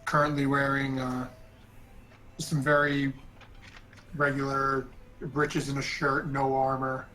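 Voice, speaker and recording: A man running a tabletop game as game master, narrating in a halting way with many fillers and restarts. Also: medium pitch, monotone, pushed and bright, a little hiss or hum, poor audio.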